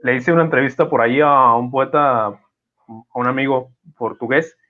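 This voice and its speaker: A man's voice: mid-range voice, moderate pace. Man, thoughtful host, hesitant restarts, muffled lo-fi sound. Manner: reflective, many fillers and restarts. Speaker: podcast host. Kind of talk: casual conversation. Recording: dull lo-fi audio.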